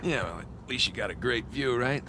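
A man's voice: medium pitch, expressive, moderate pace, background noise, close to an everyday voice. A man playing a wry, easygoing American treasure hunter with casual banter, in naturalistic video game style. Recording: game music behind the voice.

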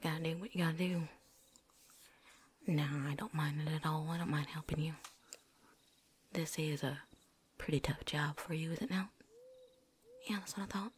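A woman plays a folksy, chatty veteran vampire hunter in a whispered role-play, using a put-on drawl and casual slang while talking around something in her mouth; the mood is chatty and wry. Her low, steady voice is close to everyday speech, moving at a moderate pace with long pauses. There is slight background noise.

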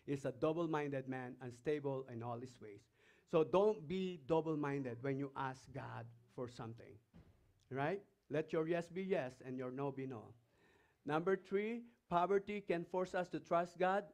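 A Filipino pastor preaches a sermon in a somewhat high, slightly mellow voice at a moderate pace. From the Philippines, he reads scripture passages aloud between his remarks and puts emphatic questions to the congregation.

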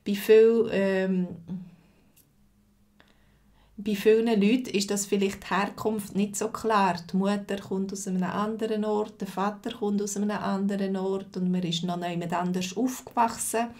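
A woman's voice: medium pitch, fairly even intonation, normal speed, few pauses, darkish tone. A Swiss woman of about forty with a Swiss German accent, teaching a live-streamed language lesson and patiently answering viewers' comments by name. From Switzerland.

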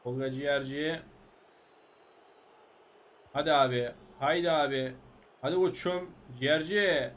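A man commentating his own football video game career in casual, frustrated bursts, urging his players on and yelling when chances are missed. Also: a little slow, pauses often. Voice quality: high-pitched, animated. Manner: shouts at players, frustrated, breaks into excited yells. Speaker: gaming YouTuber. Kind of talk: excited live game commentary.

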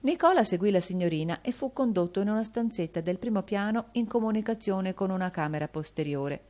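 A woman's voice: mid-range voice, lively intonation, fairly quick, warm tone. A woman narrating an audiobook, reading the characters' lines herself with her voice lifted for them. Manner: reads all the characters' dialogue herself, lifting her voice for them. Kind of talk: scripted narration.

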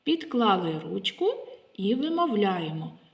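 Speaking Ukrainian with a local accent, a woman runs a literacy lesson for young kindergarten children, putting questions to them in a slow, sing-song way. Her voice is medium in pitch with vocal fry.

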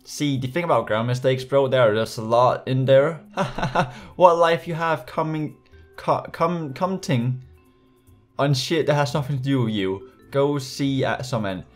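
A young adult YouTuber from Denmark with a slight Danish accent reads comments aloud in a casual vlog, adding sarcastic, laughing asides and restarting often. His voice is mid-range and a little slow. He records indoors in a small bedroom on a USB desk mic, with soft background music.

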